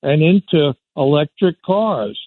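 A man's voice: on the high side, animated, slow pace, no room sound. A man calling in to a radio show over the phone, listing complaints in short bursts. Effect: calling in over a phone line. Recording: dry tinny phone line.

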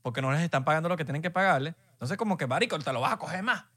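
A young man with a Venezuelan accent, voice sitting a touch high and sounding bright and forceful. He co-hosts a podcast in easy, emphatic chat, leaning on slang fillers to push his points. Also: expressive, racing. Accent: Venezuelan Spanish. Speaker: podcast co-host. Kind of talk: casual chat.

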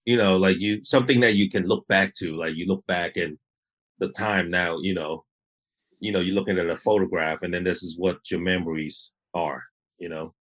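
Relaxed, rambling man with a lowish voice. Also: moderate pace. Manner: relaxed, rambling, many fillers. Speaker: guest, photographer. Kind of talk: casual interview.

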